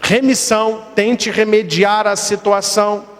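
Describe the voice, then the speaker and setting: A priest giving a lively sermon to a congregation, telling stories and acting out the people in them. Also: male voice, high-pitched, a little slow. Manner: lively, plays characters in his stories. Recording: long reverb of a large hall.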